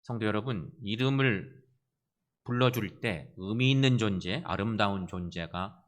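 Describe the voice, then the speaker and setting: A man's voice: lowish voice, a little slow. A man preaching a sermon as pastor, earnest, repeating key phrases and turning to the congregation with direct questions.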